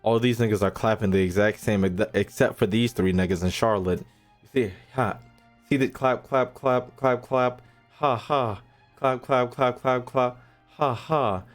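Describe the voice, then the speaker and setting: Medium in pitch and measured in pace, a game streamer's voice carries slangy reaction commentary full of free swearing and mock-outraged heckling. Faint game music sits in the background.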